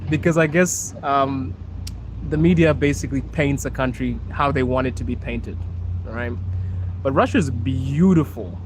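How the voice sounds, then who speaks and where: On a walking live stream along city streets, a man from Zimbabwe, who streams and hosts a podcast, chats at a moderate pace in a mid-range voice. He reads his viewers' comments aloud over a noisy background of traffic and street sounds.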